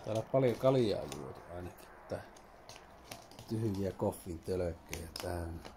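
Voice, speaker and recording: A man from Finland quietly commenting in short remarks as he explores an abandoned farmhouse, recorded on an action camera. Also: background noise. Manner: low-key, terse remarks while exploring. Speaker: urban explorer.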